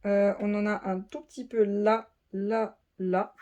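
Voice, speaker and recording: A woman hosts a casual unboxing of a craft kit, speaking straight to her viewers. She works through long lists of numbers and points out spots one after another in a steady, methodical way. Packaging crinkles now and then in the background. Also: mid-range voice, takes it slowly, lo-fi sound. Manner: chatty, addresses viewers directly. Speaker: diamond painting channel host.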